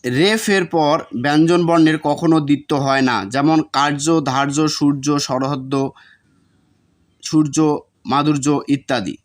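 A man's voice: a little high, steady tone, normal speed. A man teaching, reading out exam notes and repeating example words to show their pronunciation.

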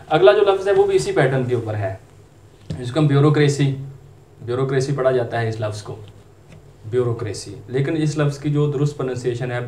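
Male pronunciation teacher, slow repeated model words, mic set back in a roomy space. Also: medium pitch, a little mellow. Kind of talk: video lesson. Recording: echoey room, distant mic, faint noise.

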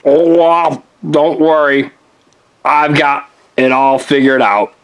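A woman's voice: low-pitched, fairly even intonation, slow pace, clear, resonant tone, voice pushed down. A woman voicing a mischievous young male prankster in a toy play video, scheming and boastful.

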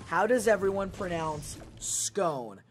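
Young male streamer, relaxed unhurried delivery, lively jumpy pitch, faint hiss behind; reads donations, jokes around. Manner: reads donations aloud, jokey and laughing. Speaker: livestream co-host. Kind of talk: casual gaming stream chat.

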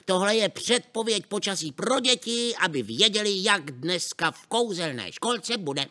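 Bright, excitable little puppet boy. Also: sits high. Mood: self-important. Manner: self-important, childlike, eager repetitions. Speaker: puppet character on a children's show. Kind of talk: children's TV puppet performance.

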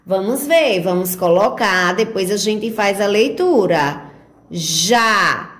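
A woman's voice: mid-range voice, lively intonation, takes it slowly, a bit bright, roomy sound. A woman from northeastern Brazil with a northeastern Brazilian Portuguese accent, teaching small children in a remote lesson and sounding out syllables in a sing-song, coaxing way. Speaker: preschool teacher. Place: home or classroom recording for remote teaching.

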